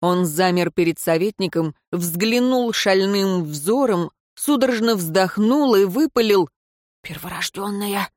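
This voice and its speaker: An audiobook narrator reading fantasy prose in an even, measured way. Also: mid-range voice, dry recording, clean studio sound.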